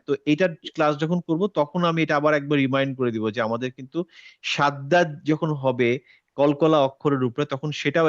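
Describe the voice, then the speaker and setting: A man's voice: on the high side, dry recording, dull audio. A man teaching an online recitation class, patiently repeating words to drill pronunciation.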